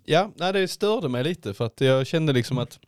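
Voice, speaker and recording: A man co-hosting a podcast in casual chat, speaking in a measured, hesitant way. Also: on the high side, animated, smooth, no echo. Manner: hesitant, many fillers and restarts, measured. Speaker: podcast co-host.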